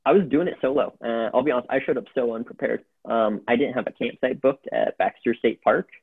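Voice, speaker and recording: A man's voice: medium pitch, a little fast, creaky, slightly rough, no room sound. A man telling a long story as a podcast guest. He talks in a loose, rambling way and uses a lot of fillers. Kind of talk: casual storytelling. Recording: phone-like narrow sound.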